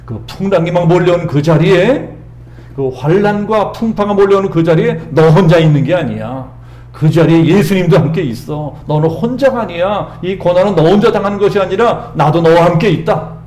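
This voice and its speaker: A man's voice: sits high, moderate pace, a little mellow, roomy sound. A middle-aged man preaching a sermon as pastor, emphatic and repetitive, raising his voice when he quotes.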